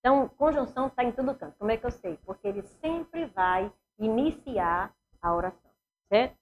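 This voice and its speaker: Northeastern brazilian lady teaching grammar, emphatic, asks then answers herself, voice on the higher side. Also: expressive, a little fast, slight background noise. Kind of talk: exam-prep grammar lesson.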